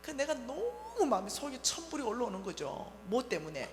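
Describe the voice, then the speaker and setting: A middle-aged woman with a Gyeongsang Korean accent gives a testimony sermon at a church revival, telling her story in a lively, animated way. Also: a little high, brisk. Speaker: lay minister at a revival meeting. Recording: echoey church hall, faint hum.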